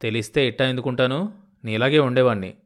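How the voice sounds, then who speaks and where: A man's voice: mid-range voice, fast, lightly acted. Stubborn blunt old farmer, sarcastic bite, voiced by a male audiobook narrator. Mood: gruff.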